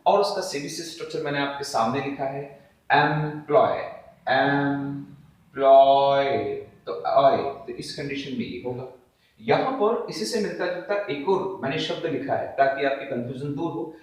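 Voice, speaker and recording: A man teaching English syllables in Hindi as a video lesson, talking to viewers as friends, asking and answering his own questions, drawing example words out slowly. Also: a little high. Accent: Indian, speaking Hindi. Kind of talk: classroom-style video lesson. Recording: very echoey room, voice from a distance.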